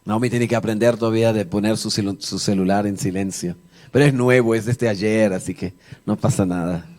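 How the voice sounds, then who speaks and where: A male pastor delivers a church sermon in a fairly low, darkish voice with a steady tone, moving fairly quickly. He jokes with the congregation in a conversational way and acts out the dialogue as he animatedly tells the story.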